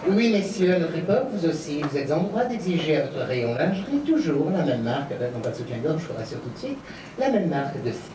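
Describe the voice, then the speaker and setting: A man's voice: on the high side, sing-song, a little fast, noisy background. A man in drag performing a camp cabaret sketch, reading spoof commercials like an announcer. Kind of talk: stage comedy sketch. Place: cabaret stage. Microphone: stand mic, filmed from afar. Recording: echoey far-off home video of a stage.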